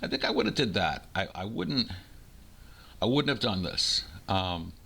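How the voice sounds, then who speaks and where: A man in his forties with a very low, bright and forceful voice. He rants informally in the first person, sounding aggrieved and exasperated. His delivery is blunt, with words repeated for emphasis. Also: animated, measured pace, vocal fry, slightly rough. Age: 40s. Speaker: career chef. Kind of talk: first-person rant to the listener.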